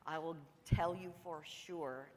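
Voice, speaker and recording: Older woman, semi-retired pharmacist, deep voice, sincere reflective tone, big hall. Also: takes it slowly, darkish tone. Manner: earnest, reflective. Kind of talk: panel self-introduction. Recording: reverberant hall.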